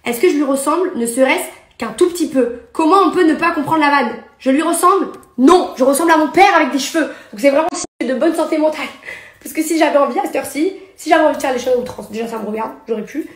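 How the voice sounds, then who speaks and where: She's a young woman with a high voice, a reality TV figure and influencer, ranting for a social media story with her phone held out at arm's length. The delivery is sarcastic, indignant and rapid-fire, and the bare-apartment feel of the room adds a noticeable echo.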